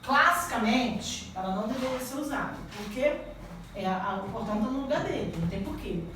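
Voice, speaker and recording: A woman's voice: a little high, animated, fairly quick, noisy background. A Brazilian woman teacher giving a classroom grammar lesson, quizzing students with rising questions. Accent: Brazilian Portuguese. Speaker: Portuguese teacher. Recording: echoey room, mic at a distance.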